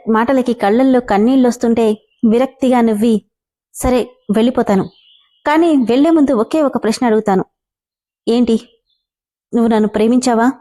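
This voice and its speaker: A woman's voice: on the high side, mellow. A woman reading a romance story aloud, telling the dialogue of both lovers with feeling. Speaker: story narrator.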